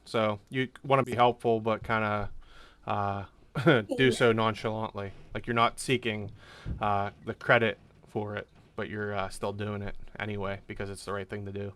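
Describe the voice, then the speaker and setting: A man chatting casually about his tabletop character, easygoing and supportive, with halting restarts. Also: on the low side, level tone, fairly bright tone. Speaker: game host and player.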